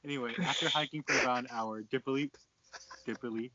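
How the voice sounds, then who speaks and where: Over a loud crowd, a man casually reads fan fiction aloud, tripping over lines and stopping to swear and comment in a bantering way. His mid-range voice moves fast, captured by a dry, dull lo-fi close mic.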